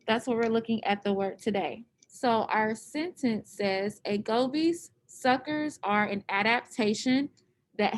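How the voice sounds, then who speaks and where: A woman teacher leading an online class, patiently explaining step by step over a computer microphone. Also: on the high side.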